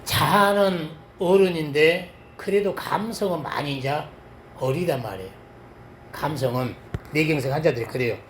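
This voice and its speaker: A middle-aged male pastor preaches a sermon with a personal testimony, telling it with lively swings between loud exclamations and quiet asides. His voice sits fairly high for a man. The sound carries the echo of a church sanctuary over a faint hiss. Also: moderate pace. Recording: echoey church hall.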